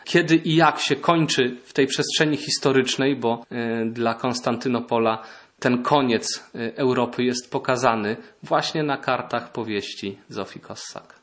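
A man's voice: mid-range voice, steady tone, measured pace, a bit bright. A man, an actor and guest, reading a historical text and then talking thoughtfully with some hesitations. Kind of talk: reading then interview talk.

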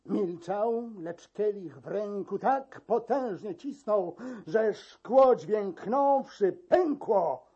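A man reading narrative verse aloud in a slow, expressive storytelling manner. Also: sits high, husky. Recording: dull lo-fi recording.

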